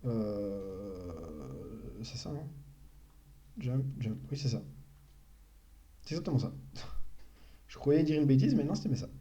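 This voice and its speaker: A man's voice: mid-range voice, lively intonation, slow pace, long pauses, warm tone. A young man giving a casual live-stream coding tutorial, thinking aloud and correcting himself as he explains. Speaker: programming tutor.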